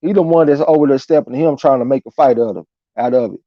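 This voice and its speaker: Talking fast in a mid-range voice, this live boxing stream host swears and uses slang freely as he casually shares his takes on fights and reads viewers' comments out loud. The audio is dry, dull and lo-fi.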